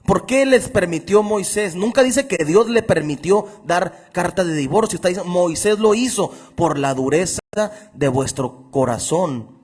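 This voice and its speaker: A middle-aged man preaching a sermon with emphasis, slowing down to read scripture aloud. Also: sits high, expressive, a little mellow, husky.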